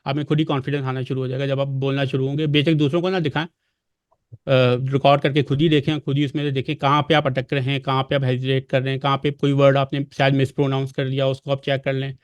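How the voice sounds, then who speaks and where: A man giving patient, repetitive advice on a live video call, pausing often with fillers. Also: mid-range voice, little pitch movement, smooth, no echo. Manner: patient, repetitive instructional delivery with many fillers. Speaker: guest expert on freelancing. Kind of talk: live online session advice talk.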